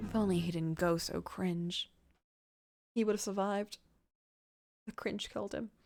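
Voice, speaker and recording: In a mid-range, darkish voice that stays steady and unhurried, a woman streams a game live. She reads the dialogue on screen with playful drama and theatrical exclamations, over video game music.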